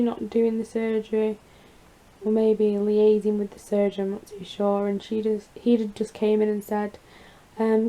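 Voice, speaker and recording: A woman with a croaky, creaky voice after surgery, chatting casually in a rambling, confiding personal vlog update. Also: on the high side, mellow, low-quality recording. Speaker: vlogger.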